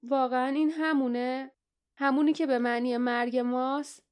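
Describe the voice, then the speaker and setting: A woman's voice: fairly high pitch, steady tone, close to an everyday voice. A woman reading an audiobook, voicing a stubborn teenage boy hero with breathless, determined lines. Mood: anxious thoughts.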